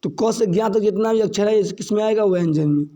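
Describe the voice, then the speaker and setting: Guy teaching grammar slow, high but mellow voice, keeps asking and answering himself. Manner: repeats points and asks questions he answers himself; slow and deliberate, stressing key terms. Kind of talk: classroom grammar lesson.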